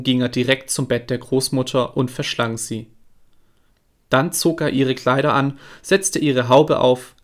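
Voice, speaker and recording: A man reading a fairy tale aloud in a calm, even storytelling voice. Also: medium pitch.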